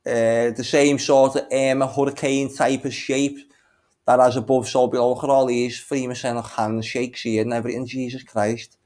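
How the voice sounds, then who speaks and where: A video maker and narrator shares his screen, his mid-range male voice moving at a moderate pace with little pitch movement and a darkish tone. His commentary is casual and rambling, and he thinks aloud and mutters little filler tunes as he goes.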